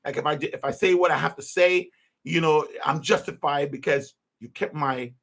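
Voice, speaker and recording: A man's voice: on the high side, moderate pace, creaky, a bit bright. A man, hosting a podcast as an unscripted personal monologue, earnest and rambling, with many restarts. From Jamaica. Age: 50s. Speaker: podcast host.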